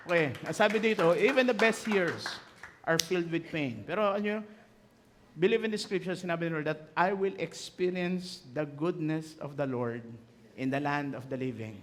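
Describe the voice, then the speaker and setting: A man's voice: a little high, moderate pace, a little hiss or hum. A man with a Filipino accent preaching a sermon as pastor, switching languages and acting out the people in his stories. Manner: mixes English and Tagalog, acts out the quoted people in his stories.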